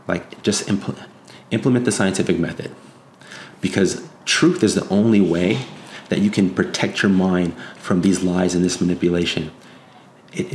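Deep-voiced man, insistent warning monologue. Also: darkish tone. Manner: earnest, insistent, moralizing, repeats phrases for emphasis. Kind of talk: unscripted opinion monologue. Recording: echoey room, faint background noise.

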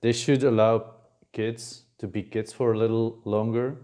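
A young man hosts a podcast, asking questions in a loose, rambling way full of fillers and restarts. His voice sits fairly low with little pitch movement, and he speaks at a measured pace with a warm tone, like a casual interview.

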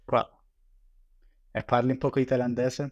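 A man with a medium-pitched voice hosts a casual interview, recorded dry with no room sound. He asks questions informally and chimes in with short encouraging remarks. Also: flat delivery, normal speed, a little mellow, no room sound, highs cut off. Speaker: interviewer, host.

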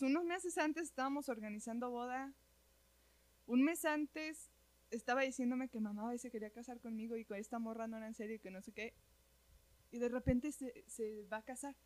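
A woman with a Mexican accent telling a personal story in casual chat, animated and slangy, peppering her talk with "güey". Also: fairly high pitch, normal speed, dry recording.

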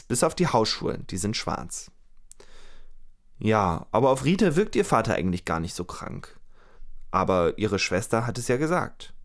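A man narrating a true crime tale in easy conversation, mid-pitched and steady. He speaks to a listener beside him and lifts his voice for the quoted lines. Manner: lively retelling with acted quotes. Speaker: podcast storyteller.

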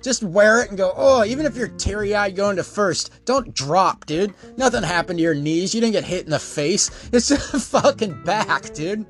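A middle-aged man hosting a podcast, telling profane, animated stories and laughing often. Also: high-pitched, moderate pace, hardly any pauses, faint music behind. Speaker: podcast host. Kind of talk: casual storytelling.

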